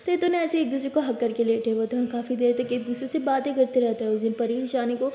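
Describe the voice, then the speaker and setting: A woman's voice: a little high, fast, mellow. A woman telling a serialized love story for her channel in a chatty way, mixing English words into her speech. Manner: chatty, mixes English into Hindi. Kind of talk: casual story narration for video. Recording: echoey room with long reverb.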